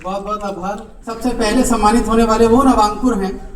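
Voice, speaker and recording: A man's voice: high-pitched, fairly even intonation, moderate pace. Man announcing at an awards ceremony. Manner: formal, courteous. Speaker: master of ceremonies. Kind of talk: formal event announcing. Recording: echoey hall from far off, faint noise.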